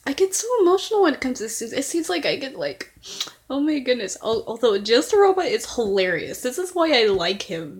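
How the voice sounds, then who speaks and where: Brief: emotional, rambling woman reaction host, slightly high voice. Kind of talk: casual reaction commentary.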